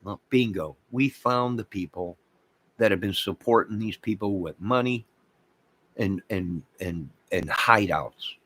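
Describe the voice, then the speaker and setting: A lowish, pushed, bright-toned American man hosts an online channel and rants at an unhurried pace. He's emphatic and opinionated, repeating phrases for weight and mocking contrary opinions sarcastically.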